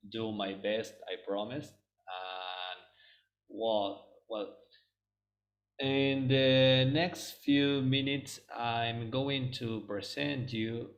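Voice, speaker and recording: A low-ish male voice delivers a webinar over video call, belonging to a native Spanish speaker from Argentina with an Argentine accent. He often pauses with ums and begins his thoughts again.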